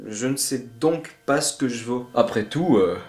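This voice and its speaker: A man's voice: medium pitch, animated, moderate pace, background noise. Man in an echoey room. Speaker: video host. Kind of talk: self-mocking scripted vlog narration. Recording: echoey room, faint music behind.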